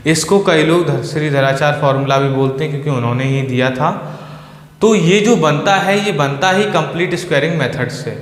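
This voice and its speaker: Guy teaching maths step by step, bit high voice, roomy echo. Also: moderate pace. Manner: patient, step-by-step explaining, mixing in English terms. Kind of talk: board lesson explanation. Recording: echoey room with long reverb.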